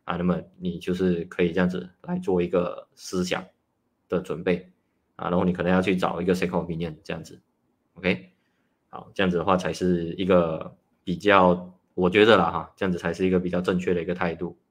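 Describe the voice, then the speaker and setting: A nutritionist hosting a casual livestream talk. He is a man who explains things in a chatty way and starts many phrases with a drawn-out "ah". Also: low voice, level tone. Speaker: nutritionist host.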